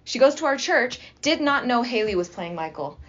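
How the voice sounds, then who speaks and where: This is a woman drama teacher talking eagerly in a casual interview. Her voice sits a little high, and she tumbles through her thoughts with restarts. The recording is slightly muffled and lo-fi. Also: sing-song, normal speed, a bit bright. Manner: enthusiastic, talkative, many restarts. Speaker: high school drama teacher and assistant principal.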